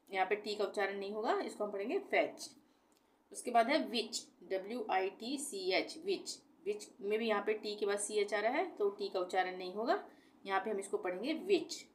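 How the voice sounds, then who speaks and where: A woman teaching a pronunciation lesson at a steady, mid-pitched level. She spells each word slowly, letter by letter, then says it again. She often asks the class a question and answers it herself. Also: a little hiss or hum. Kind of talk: explaining a lesson step by step.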